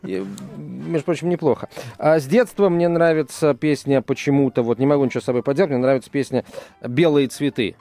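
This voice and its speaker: A man's voice: mid-range voice, fairly even intonation, fairly quick, dark tone, no room sound, faint music behind. A man co-hosting a live radio talk show, bantering playfully with his partner. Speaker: radio co-host.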